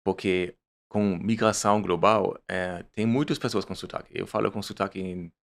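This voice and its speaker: A man with a low voice and vocal fry, speaking at normal speed with a German accent, is a startup founder guesting in a conversational interview. He searches for words and keeps restarting his phrases.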